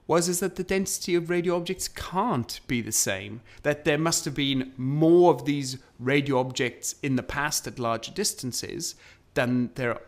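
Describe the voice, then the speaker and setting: A man's voice: on the high side, measured pace. A man co-hosting a casual science conversation, explaining astronomy history in a storytelling way with frequent fillers. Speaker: co-host.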